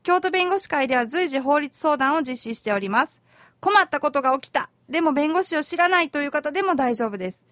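A woman with a high voice hosts a community radio talk show. She explains legal matters in chatty, plain terms, polite and friendly, with soft fillers along the way. The sound is dry and close, with no room echo. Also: animated, a little fast.

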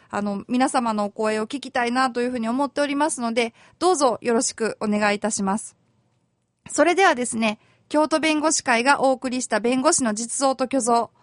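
On a community radio talk show, a high-voiced female host breaks down legal topics in friendly, plain, conversational language, politely dropping soft fillers here and there. The audio is close and dry without any room echo.

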